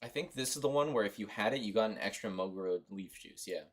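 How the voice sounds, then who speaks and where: Young man, from Costa Rica, low voice, rambling game stream talk. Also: expressive, fast talker. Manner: rambling, chatty and offhand. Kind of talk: casual livestream commentary.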